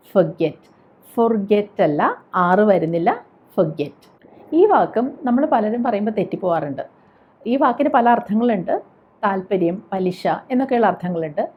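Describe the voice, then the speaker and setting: A woman from Kerala teaching English pronunciation, who repeats each example word slowly and carefully. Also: a little high, highs cut off. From Kerala, India. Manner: slow, careful repetition of example words. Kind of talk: pronunciation lesson.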